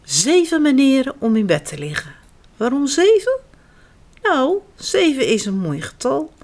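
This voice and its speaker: A woman reads children's stories aloud at a slow, unhurried pace. Her fairly high voice rises and falls in a lively way. She stays gentle and expressive throughout. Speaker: storyteller.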